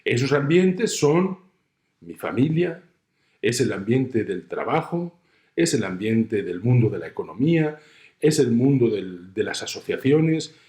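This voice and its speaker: A middle-aged man with a Spanish accent from Spain delivers a recorded university lecture slowly, pausing often between phrases and patiently using everyday examples. His medium-pitched voice is dark in tone and sing-song, and the room has a noticeable echo.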